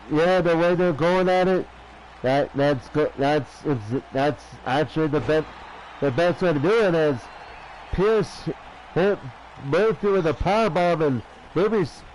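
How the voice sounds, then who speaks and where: A man doing play-by-play as a wrestling commentator, halting and often repeating himself. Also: a little high, darkish tone, low-quality recording. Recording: clear background noise.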